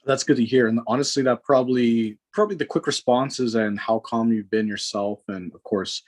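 A man's voice: medium pitch, moderate pace. A man hosting a podcast, leading with an upbeat, scripted-sounding introduction and casual questions. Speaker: podcast host.

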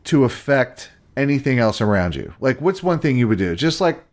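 A man's voice: medium pitch, big pitch swings, normal speed. A man co-hosting a podcast with a Virginian accent, blunt and casual, swearing now and then and asking questions. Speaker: podcast co-host. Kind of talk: casual chat.

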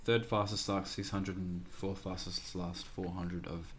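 Co-host, young Australian man, deep monotone, stuffy nasal cold, slight noise. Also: a little slow. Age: young adult. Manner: flat, monotone delivery with many fillers. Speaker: podcast co-host, tipster. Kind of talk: casual podcast chat.

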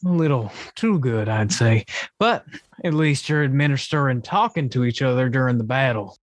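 Relaxed, halting game master. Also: mid-range voice, dry recording. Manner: relaxed, halting, many fillers. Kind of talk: casual tabletop game chat.

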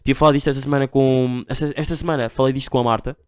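A man's voice: medium pitch, steady tone, rapid-fire, darkish tone, clear, resonant tone, no echo, clean studio sound. A young man with a Portugal accent hosting a casual solo podcast, rambling in slang with constant fillers. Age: young adult. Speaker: podcast host.

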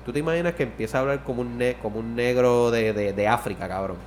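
A man's voice: mid-range voice, fast, a little hiss or hum. Rambling man chatting. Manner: rambling, swears often, restarts mid-sentence. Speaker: podcast co-host. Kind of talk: casual chat.

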